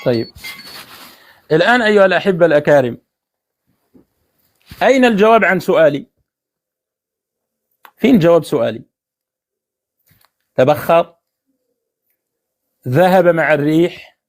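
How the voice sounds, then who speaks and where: A man's voice: fairly high pitch, animated, moderate pace, long pauses. A man with an Egyptian Arabic accent in a heated religious debate, pressing and repeating his question with taunts.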